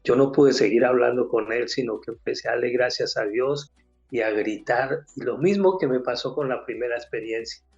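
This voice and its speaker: A man's voice: medium pitch, moderate pace, a little mellow. An older man with a Colombian accent shares a personal faith testimony. He tells it with emotion and gives each person in the story a voice of their own. The recording sounds a little dull, and faint music plays underneath. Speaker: guest giving a testimony.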